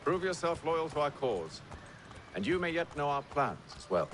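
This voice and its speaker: An actor playing a cool, guarded leader who questions in measured, formal speech in video game dialogue. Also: male voice, on the high side, very animated, noisy background. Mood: probing. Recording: game audio with clear street ambience.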